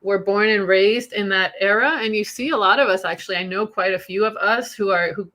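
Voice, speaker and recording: Woman in her 40s from Iran, bright clear voice, candid chatty podcast host. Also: medium pitch, fairly quick. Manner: chatty, swears freely, laughs through dark memories. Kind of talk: candid casual conversation.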